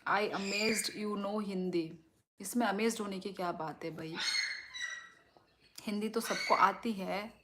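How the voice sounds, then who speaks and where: Slow, strong-voiced woman chatting on a livestream. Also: medium pitch, steady tone, heavy background noise. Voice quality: strong, loud voice. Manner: chatty, thanks viewers and asks for likes. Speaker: livestream host. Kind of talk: casual livestream chat reading viewer comments.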